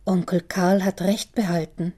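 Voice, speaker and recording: A woman voicing a homely mother trying to calm her family with a soothing tone. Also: on the low side, measured pace. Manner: soothing, placating.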